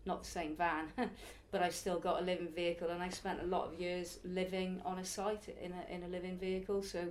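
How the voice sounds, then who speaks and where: This early-forties circus performer, who also teaches youth circus, talks through interview questions in a chatty, reflective manner with the odd laugh. Her voice sits on the low side, level and a little fast, with a little hiss or hum.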